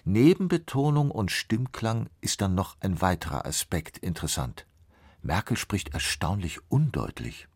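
Male narrator, very deep voice, lively intonation, scripted voice-over. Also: a little slow, breathy edge, no room sound. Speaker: documentary narrator.

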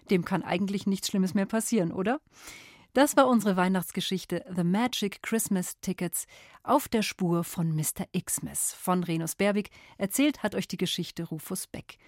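Relaxed woman radio host. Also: fairly low pitch, no echo, studio quality. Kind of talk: casual show presentation.

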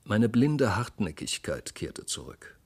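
A man narrating a classic story for a radio reading, his delivery dramatic and expressive. His voice sits fairly low but rises and falls with wide swings. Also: takes it slowly, husky. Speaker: audiobook reader. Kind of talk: scripted literary narration.

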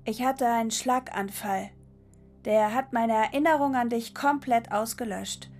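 Cool detached woman, actress doing her, radio play, bit high voice. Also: measured pace, darkish tone, faint music behind.

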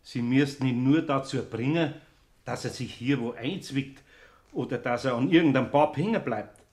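An older man with a Bavarian accent playing a kindly master carpenter in a radio play, slow and soft-spoken. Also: mid-range voice, close to an everyday voice. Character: kindly old master carpenter, gentle and patient. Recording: roomy studio recording.

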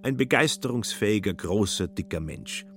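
A man reading a literary text aloud in a calm, even storytelling manner. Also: fairly low pitch, normal speed, soft background music. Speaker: narrator.

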